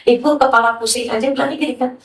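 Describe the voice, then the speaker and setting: A woman preacher giving a sermon to a gathering, talking in a lively way and asking many rhetorical questions. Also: on the high side, quick pace. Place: hall with a listening audience. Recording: roomy, from a distance.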